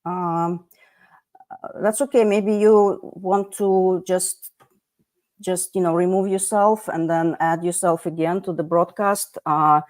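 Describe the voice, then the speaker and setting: Low-voiced woman hosting a livestream. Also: steady tone, slow pace, darkish tone, no echo. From United States. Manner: chatty, with many fillers and restarts. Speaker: livestream host. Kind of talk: moderating a livestream panel. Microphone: video call.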